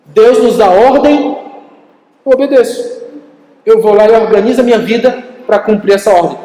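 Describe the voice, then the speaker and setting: A Brazilian pastor with a high, light man's voice preaches in a lively storytelling way, often turning to the congregation with direct questions. His voice rings out with a long reverb that fills a big church hall. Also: moderate pace. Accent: Brazilian Portuguese. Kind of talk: sermon.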